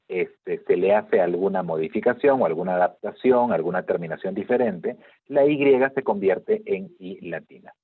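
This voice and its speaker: On a tinny, narrow video-call line with no echo, a fairly low-voiced male teacher delivers an online lecture. Patient and explanatory, he often pauses to ask "¿de acuerdo?"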